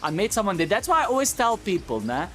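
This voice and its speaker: A man with a South African accent telling a stand-up comedy story, loose and animated with a lot of swearing. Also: sits high, fast.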